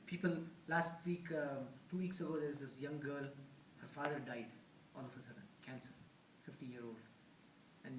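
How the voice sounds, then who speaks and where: A man's voice: fairly high pitch, slight background noise. A man giving an earnest discourse at a temple, mixing Hindi phrases into English. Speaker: temple speaker. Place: temple hall. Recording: echoey hall, mic far off.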